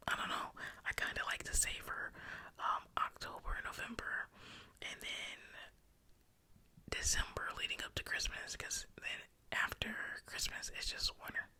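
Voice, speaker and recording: A woman whispering intimately and breathily in a casual, chatty ASMR ramble. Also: pushed and bright. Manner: intimate, unvoiced whispering throughout. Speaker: ASMR video creator.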